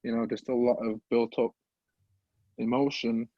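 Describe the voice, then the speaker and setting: A young man from the Midlands, a podcast guest telling an emotional personal story, halting and repeating words as he holds back tears. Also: mid-range voice, level tone, dry recording, highs cut off. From English Midlands.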